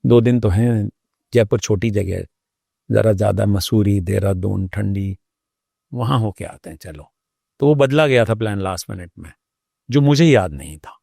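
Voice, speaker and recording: A man with a warm, mellow voice tells his own story as an interview guest. He pauses often and sounds reflective. The recording is dry and close, with no room sound. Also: lowish voice, vocal fry, dry recording. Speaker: doctor.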